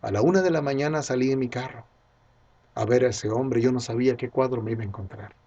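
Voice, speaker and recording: Husky-voiced man preaching earnestly. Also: medium pitch, fast, mellow, lo-fi sound. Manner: earnest, addresses listeners as dear friend. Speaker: pastor. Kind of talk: radio sermon.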